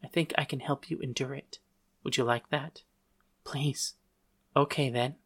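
A man reading a storybook, voicing a gentle, reassuring teenage girl in a soft, patient way. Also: mid-range voice, fairly even intonation, measured pace, husky. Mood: soothing. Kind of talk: audiobook reading.

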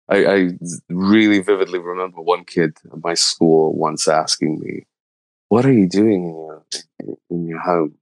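Deep-voiced man, halting. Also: a little mellow, no room sound, rough recording. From Slovenia. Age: 30s. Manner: thoughtful, halting, searching for words. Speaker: interviewee, illustrator. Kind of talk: casual interview answers.

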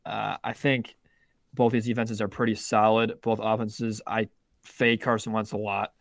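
A man's voice: lowish voice, little pitch movement, measured pace, dry recording, clean studio sound. A young man co-hosting a casual sports betting podcast, talking in rambling bursts with many restarts and the odd swear word. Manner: rambling, self-interrupting, frequent restarts and swearing. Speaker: podcast co-host.

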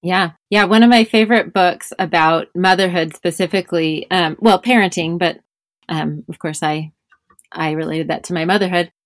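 A woman's voice: fairly low pitch, normal speed, no room sound, clean studio sound. A woman in her thirties, a mother of five and podcast host, talking reflectively in a casual conversation with many fillers.

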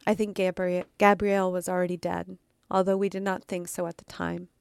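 A woman hosts a podcast and reads a dark story aloud with dramatic delivery, stumbling now and then. Her voice is smooth yet gravelly, recorded close and dry. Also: on the low side, flat delivery, normal speed, dry recording. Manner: dramatic reading with occasional stumbles and asides. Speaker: podcast host. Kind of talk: storytelling reading.

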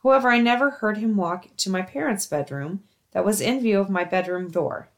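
As the host of a show, a woman reads stories aloud in a casual, chatty way, as if sharing submissions with a friend. Her voice is middle-pitched and her pace a little fast.

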